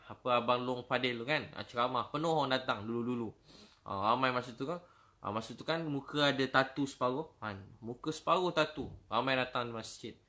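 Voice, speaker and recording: A middle-aged man with a Malaysian Malay accent giving a sermon, telling stories in lively casual speech and dropping to a soft pleading voice for prayers. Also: mid-range voice. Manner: quotes verses in slow Arabic, then tells stories in lively casual speech; drops to a soft, pleading voice when voicing prayers. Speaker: preacher. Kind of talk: sermon storytelling.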